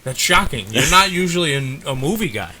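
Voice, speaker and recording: Excitable bright-voiced man. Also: on the high side, fairly quick, slight background noise. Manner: excitable, swears freely, laughs often. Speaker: podcast co-host. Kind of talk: casual chat.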